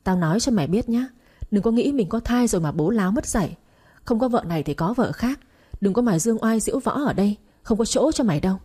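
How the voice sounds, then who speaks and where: A woman voicing a sharp-tongued, mocking middle-aged sister-in-law in a read-aloud story. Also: mid-range voice, expressive, husky. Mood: defiant. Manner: mocking, scolding, quick jabs.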